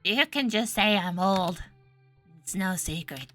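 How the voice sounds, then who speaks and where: A blunt old nun , put on by a woman reader, answers dryly and curtly. She sounds set back from the mic. Her delivery is flat and unbothered. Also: mid-range voice, measured pace, faint music behind. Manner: dry and curt. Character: dry, blunt elderly nun.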